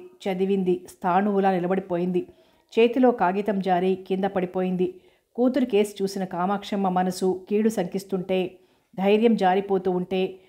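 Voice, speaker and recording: Woman reading a novel aloud, mellow, pretty flat, steady. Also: medium pitch. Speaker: audiobook narrator. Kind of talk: scripted novel narration.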